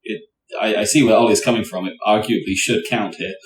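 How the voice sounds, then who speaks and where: A man's voice: on the low side, fairly even intonation, brisk, over music. A man acting as game master, leading a casual recap of a tabletop session in a dry, mock-exasperated way. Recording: roomy echo, faint noise.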